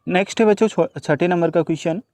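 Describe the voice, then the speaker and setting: Male teacher, slightly high voice, dry close sound, addresses kids, answers his own questions. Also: steady tone, fast, a little mellow, dry recording. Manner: mixes English numbers and words into speech. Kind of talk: workbook solution lesson.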